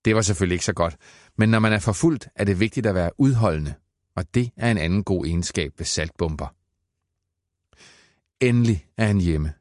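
A man narrating a children's audiobook in a playful, expressive way. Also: deep voice, long pauses, no room sound, studio quality.

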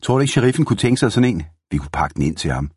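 A man's voice: lowish voice, big pitch swings, a little mellow, husky, dry recording, studio quality, voice pushed up. A man voicing a cheeky, bold young cowboy boy who teases and talks cocky. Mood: teasing. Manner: teasing, cocky.

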